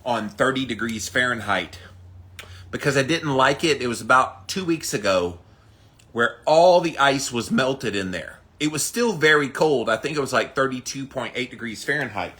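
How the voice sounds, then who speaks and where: Hosting a daily ice bath challenge livestream, a man chats casually with viewers and greets them by name, using an emphatic, punchy delivery. His voice is medium in pitch, pushed and bright, with lively intonation at normal speed.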